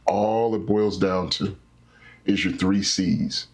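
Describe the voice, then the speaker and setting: A man who works as a credit specialist, a guest in an interview, explaining things simply with stories and animated little scenarios. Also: deep voice, slow pace. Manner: animated, teacherly, acts out scenarios.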